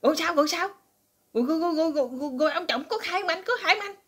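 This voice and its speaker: A woman's voice: lively intonation, fast talker, a bit bright. A woman voicing a fretful wife who fusses and squeals at her husband. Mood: fussing. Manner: high-pitched, fussing.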